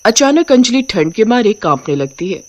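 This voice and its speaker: A woman's voice: fairly high pitch, normal speed, noisy background. A woman narrating a cartoon story and voicing the characters in turn. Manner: lively, shifts voice for each character.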